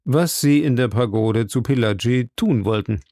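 A man voicing a calm, composed male gentleman in a storybook reading, speaking in a measured way. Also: mid-range voice, no room sound, clean studio sound, close to an everyday voice. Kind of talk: audiobook character voice.

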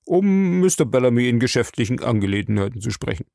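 A man voicing a smooth-talking, evasive male bar owner in an audiobook, lifting his voice higher and giving it a changed tone. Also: big pitch swings, quick pace, mellow, dry recording, studio quality.

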